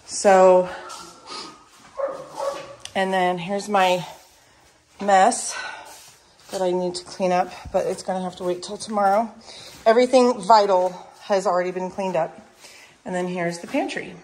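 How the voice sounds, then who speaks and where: A woman's voice: medium pitch, fairly even intonation, a little slow, pauses often, a little mellow. Tired lady vlogging her paint job around the house, chatty, bit of faint noise behind. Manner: chatty, showing things to camera. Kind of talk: casual home renovation vlog. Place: house under renovation, indoors.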